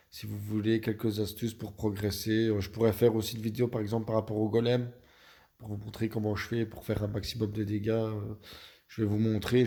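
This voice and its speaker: A man's voice: fairly low pitch, dark tone. A Belgian man with a Belgian French accent giving casual gameplay tips as a YouTuber, hesitant and full of fillers and self-corrections. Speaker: gaming YouTuber.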